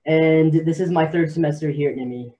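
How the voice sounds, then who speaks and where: A man's voice: on the high side, fairly even intonation, brisk, mellow, low-quality recording. A young man cadet from Texas, answering formally with repeated "yes, sir" and a slightly nervous manner. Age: young adult.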